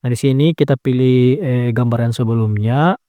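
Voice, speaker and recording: A man with a medium-pitched voice walks through a phone video edit as a tutor, speaking at normal speed over a dry recording. It's a step-by-step screen tutorial where he calmly explains, often saying "nah" and fixing his own mistakes.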